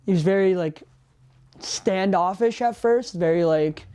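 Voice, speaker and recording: A man's voice: high voice, unhurried, clear, resonant tone. Young man recalling his housemates. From Ontario, Canada. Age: young adult. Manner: relaxed, talks with many fillers. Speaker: interviewee. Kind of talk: documentary interview.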